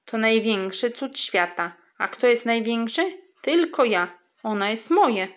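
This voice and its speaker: A woman's voice: a little high, expressive, measured pace. A woman voicing a boastful, puffed-up male ostrich in a children's story.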